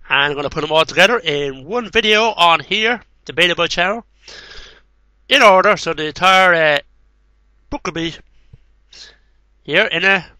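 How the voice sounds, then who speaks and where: Speaking into a headset microphone in a cramped, cluttered bedroom, an amateur poet and video maker in his thirties reads verse and drops casual asides. His high voice has a sharp tone, and the recording is dry.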